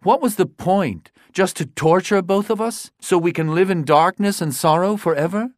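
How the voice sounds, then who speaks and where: A man's voice: sits high, moderate pace, dry recording, clean studio sound, voice pushed up, lightly acted. Man voicing a distraught, defiant grown woman. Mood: tearful.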